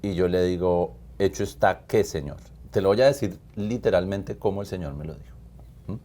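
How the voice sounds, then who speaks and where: A man with a very low, deep voice recounts a personal testimony in an earnest, emphatic way. He speaks as a pastor in conversation, repeating phrases for weight. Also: moderate pace, mellow.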